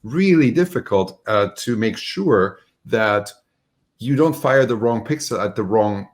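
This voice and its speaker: Appearing as a guest on a remote interview over a video call, a man from Germany tells his story in a relaxed, rambling way, with plenty of fillers. His voice is on the low side and a little slow.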